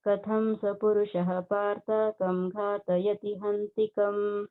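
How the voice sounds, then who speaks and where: A woman's voice: mid-range voice, little pitch movement, slow, soft background music. Phone-like call, woman reciting formally. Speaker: Sanskrit verse reciter. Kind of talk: formal recitation of Sanskrit verses. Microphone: online call. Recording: thin phone-like online call.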